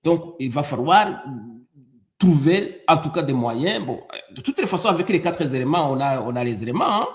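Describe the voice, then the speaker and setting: A man's voice: a little high, very animated, normal speed. A man from Rwanda, a guest in a debate, talking hesitantly with many restarts and repeated words. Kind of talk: conversational debate.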